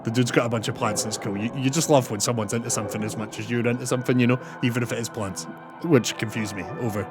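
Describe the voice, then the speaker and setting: A man's voice: medium pitch, steady tone, quick pace. A young man streaming a game, chatting with his viewers and signing off turns with "over". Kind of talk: casual chat while gaming. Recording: game music loud behind.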